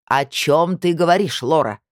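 A woman's voice: sits low, big pitch swings, a little fast, dry recording, clean studio sound. A woman reading an audiobook, voicing an imperious, grumpy older woman who snaps and barks. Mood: indignant. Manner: loud, snapping, indignant.

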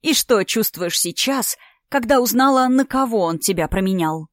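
A woman reading from a storybook takes on the part of a thirtysomething bride-to-be who is spiteful and taunting, raising her voice in theatrical, sneering sarcasm. Her voice is a little high and close to normal, with lively intonation and a moderate pace, recorded in a clean studio with no room sound.

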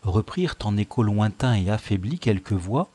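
A man reading a classic novel aloud as an audiobook narrator, measured and expressive. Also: fairly low pitch, slightly rough, no echo. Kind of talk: scripted narration.

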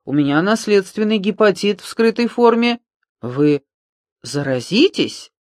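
A man reading an audiobook, voicing a skinny, easily alarmed boy in a high, dragging lament. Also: sing-song, measured pace, no echo, studio quality.

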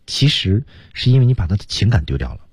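A man's voice: fairly low pitch, big pitch swings, quick pace, darkish tone, slightly rough, no room sound, clean studio sound. A man teaching English on the radio, explaining each example line and then acting it out. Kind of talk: radio language lesson. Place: radio studio. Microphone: studio microphone.

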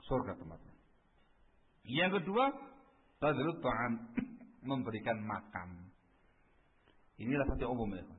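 Husky male teacher, phone-like reverb. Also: lowish voice. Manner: emphatic, repeats key phrases. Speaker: Islamic religious teacher. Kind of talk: religious study lesson. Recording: phone-like radio stream with long reverb.

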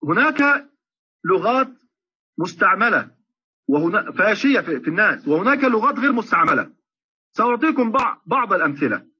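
A man gives an online recitation lesson, his high voice sharp and slightly husky. He explains at length, then slows down to chant example verses. The audio sounds muffled and lo-fi. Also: very animated. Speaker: Quran recitation teacher. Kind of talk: online lecture in Arabic.

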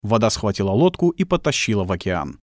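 A man narrating an audiobook in a tense, expressive storytelling manner. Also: fairly low pitch, a little fast, no echo. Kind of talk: dramatic scripted narration. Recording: dry close studio sound.

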